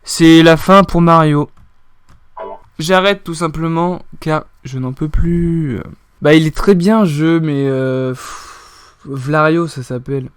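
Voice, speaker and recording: A man's voice: on the high side, steady tone, slow pace, smooth, dry recording. A man giving let's-play commentary as a YouTuber on a platform game, muttering repeated phrases under his breath and bursting into swearing and yelps when he fails.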